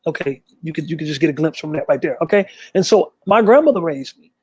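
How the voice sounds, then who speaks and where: A man, a gospel artist, telling an interviewer about his past in a quick, emphatic way and acting out the voices of people he quotes. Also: on the high side, expressive, a little mellow, slightly rough, dry recording. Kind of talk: candid storytelling.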